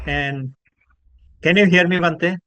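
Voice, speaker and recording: A man's voice: fairly high pitch, fairly even intonation, slow, fairly bright tone, lo-fi sound. A man from Bangladesh introducing himself as a student on a video call, polite and deferential. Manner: polite, deferential, addresses the monk often.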